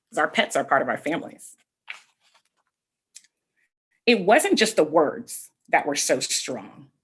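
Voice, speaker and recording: A woman hosts a children's read-aloud, reading a picture book and explaining things simply with asides and questions. Her lowish voice is slightly husky. She's expressive and speaks directly to her young listeners, asking them questions.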